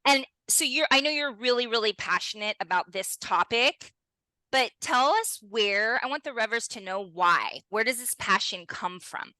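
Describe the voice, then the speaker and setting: A woman's voice: fairly high pitch, animated, normal speed, sharp tone, no echo, low-quality recording. A young adult woman hosting a podcast interview, bubbly and exclamatory, speaking straight to her listeners. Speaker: podcast host.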